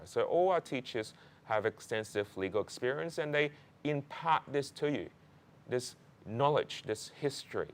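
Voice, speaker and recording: A man's voice: mid-range voice, clean tone. A man giving an informational presentation to prospective students in a conversational, emphatic way, often adding short tags like right and okay. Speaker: law program presenter.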